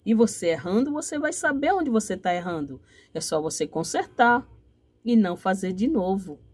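A Brazilian woman reads tarot cards straight to her viewers. Her talk is warm-hearted and repetitive, full of pet names and little checks for agreement. She gives motherly advice and ends with blessings. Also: medium pitch, very animated, moderate pace, breathy edge. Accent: Brazilian Portuguese. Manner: affectionate, repetitive, ends phrases with "tá?". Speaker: tarot card reader. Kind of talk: direct-to-camera tarot reading.

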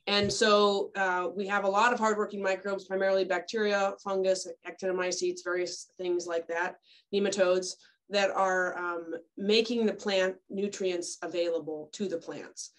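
A woman's voice: mid-range voice, steady tone, normal speed. Woman educator talking on a video call. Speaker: extension educator giving a compost talk. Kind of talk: informal webinar presentation.

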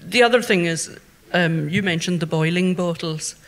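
A man speaks on a panel in a public hall, choosing his words carefully with hesitant fillers. His voice sits a little high for a man. Long reverb from the hall hangs around each phrase. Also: fairly bright tone. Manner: measured, thoughtful, with hesitant fillers. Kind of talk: panel discussion at a public event. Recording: hall reverb from a live talk.

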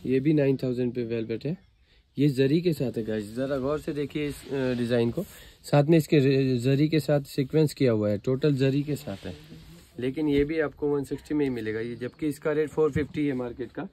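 An Indian man selling to viewers in an eager, urging, informal teleshopping pitch. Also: fairly quick, mellow. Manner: eager, urging sales patter, repeatedly addressing viewers. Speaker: fabric seller and channel host.

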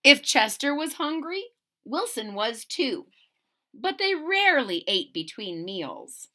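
A middle-aged woman reading a picture book aloud to children, expressive and deliberate, pausing to question her listeners. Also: high-pitched. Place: small indoor room at home.

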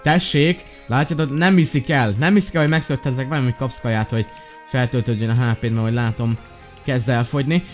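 A young man giving lively, excitable commentary over his own gameplay, his voice leaping into high yelps when he panics. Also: faint music behind. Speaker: gaming YouTuber.

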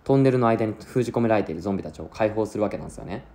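Mellow, animated male recapper. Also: lowish voice, very fast. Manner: chatty, acts out lines. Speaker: anime reviewer. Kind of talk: casual plot recap.

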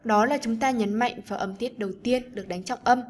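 Her fairly high voice steady and a little fast, a woman teacher narrates an online children's lesson, speaking gently and encouragingly to her pupils.

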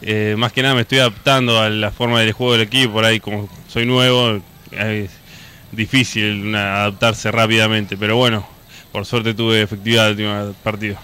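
Bright-voiced young Argentine player. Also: male voice, on the low side, little pitch movement, brisk, clear, resonant tone. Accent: Argentine Spanish. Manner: plain, modest answers that echo the questions. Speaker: basketball player interviewed.

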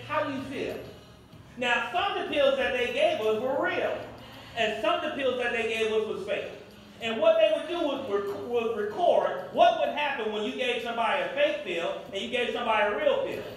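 A man's voice: very high-pitched, a bit bright, a little hiss or hum. A man in his fifties preaching a sermon as pastor, emphatic and repetitive, heard from a distance in an echoey room. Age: 50s.

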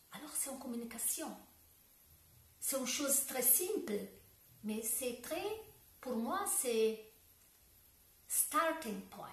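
A woman in her forties with an Italian accent, speaking French as a second language to a camera at home, slow and searching, with restarts and Italian words slipping in. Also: a little high, distant mic. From Italy. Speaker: dance teacher. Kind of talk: direct-to-camera video talk. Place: home room with bookshelves, indoors. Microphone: camera a few metres away. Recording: echoey room.

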